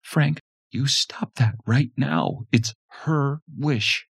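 Sharp, scolding weary mother, as a male reader puts her on in a storybook, lifted higher, lively swings. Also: very slow, vocal fry, slightly rough, no room sound, clean studio sound, heavily acted. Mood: stern.

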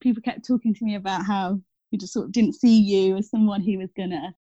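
A woman's voice: medium pitch, steady tone, fairly quick, mellow, dry recording. A woman in her thirties, a teacher speaking casually as an interview guest, chatty with many fillers and self-corrections. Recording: dull, dry lo-fi sound.

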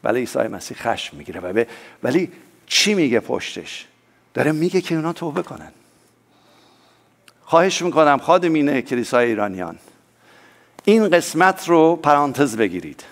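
A male pastor delivers a sermon, alternating between loud, emphatic lines and soft, low asides while urging the congregation to respond.

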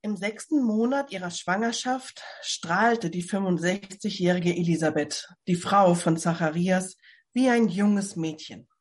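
A woman reading a Bible novel aloud from home for a church service, in calm storytelling. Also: lowish voice, a little slow, breathy edge. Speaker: lay reader.

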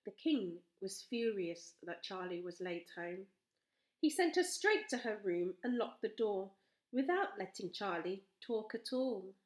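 A woman reading a children's storybook aloud, slowly and with expression. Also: medium pitch. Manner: slow, expressive. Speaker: storybook reader. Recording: roomy echo.

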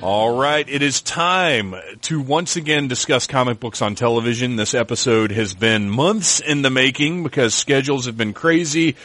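Fighting a cold that leaves him slightly nasal and scratchy, this male podcast host rambles in a self-deprecating, casual chat. His mid-range voice is a bit bright and moves at a normal pace with hardly any pauses, with faint music in the background.

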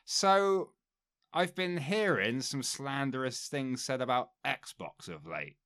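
A man banters on a podcast with a lively, up-and-down voice that swings through each line. He teases his friends and swears freely. The sound is dry and close. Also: medium pitch, takes it slowly, dry recording. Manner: animated, swearing, teasing. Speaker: podcast co-host.

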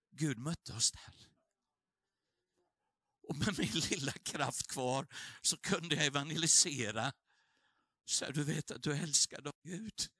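A man's voice: on the high side, bright, forceful tone, no echo. A male preacher giving a sermon at a revival meeting, telling a personal story with feeling and building to fervent exhortation.

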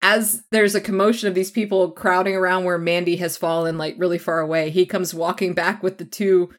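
A woman's voice: on the low side, steady tone, a little fast. A woman co-hosting a podcast, casually recapping a novel and acting out the characters' lines with laughter. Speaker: podcast co-host. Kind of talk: casual book recap chat.

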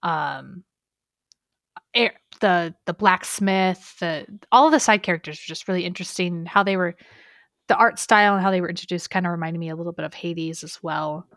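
A woman's voice: fairly low pitch, moderate pace, a bit bright, dry recording, clean studio sound. A young woman co-hosting a gaming podcast in casual, rambling, enthusiastic chat. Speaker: podcast co-host.

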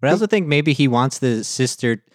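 A man's voice: mid-range voice, expressive, fairly quick, no echo, studio quality. A male podcast co-host in casual chat, amused, explaining with lots of fillers.

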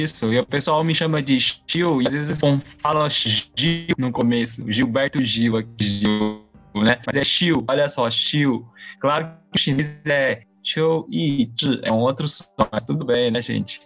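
A man from Brazil, born in Taiwan and raised in São Paulo from age five, tells his life story as an interview guest in a casual, rambling way, often doubling back, interrupting himself and seeking agreement. His voice is medium-pitched, a little slow and fairly bright. The dull, lo-fi recording has faint music behind it.

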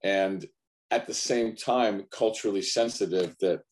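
Deep-voiced earnest American man. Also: a little slow. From United States. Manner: earnest, emphatic, repeats phrases for weight. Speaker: guest, men's culture coach. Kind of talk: conversational interview.

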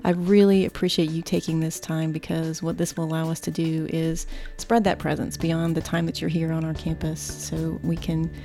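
Woman podcast host, lowish creaky voice, courteous, appreciative interviewing. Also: level tone, normal speed, hardly any pauses, mellow. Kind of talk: polite interview hosting.

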